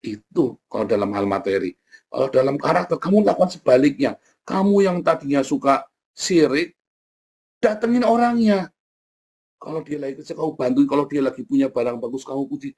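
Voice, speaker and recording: A male pastor delivers an emphatic, repetitive sermon, addressing the congregation again and again. His voice is husky and sits at a middling pitch. He slips in and out of quoted speech without changing voice. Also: animated, fairly quick, a little mellow. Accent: Indonesian. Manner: repetitive, emphatic preaching with frequent "saudara" asides; acts out quoted speakers in his own voice.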